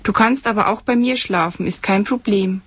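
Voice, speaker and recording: A woman's voice: mid-range voice, normal speed, husky, dry recording, lightly acted. A woman reading aloud from her novel, voicing a cheerful, hearty woman in her thirties who talks eagerly. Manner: bubbly, eager, exclaiming.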